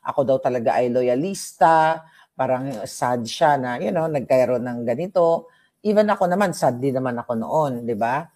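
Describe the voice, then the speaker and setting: Speaking in a medium-pitched, slightly mellow voice, this Filipino political vlogger keeps a livestream chat casual and gossipy. English words mix into the conversation, and she often addresses viewers and responds to their comments directly.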